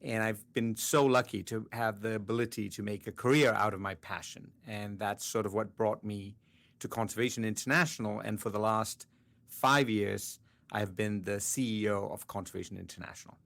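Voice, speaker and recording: Low, gravelly man speaking thoughtfully. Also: fairly even intonation. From Sri Lanka. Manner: measured, thoughtful, often quiet. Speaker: conservation scientist guest. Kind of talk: reflective interview answers.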